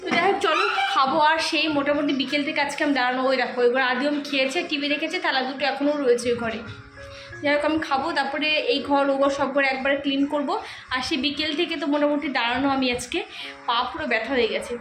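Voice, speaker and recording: A slightly hoarse woman chatting briskly at home over dinner for her vlog. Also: high-pitched, roomy sound, music in the background. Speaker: cooking vlogger. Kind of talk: casual vlog chat at home. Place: room at home during dinner.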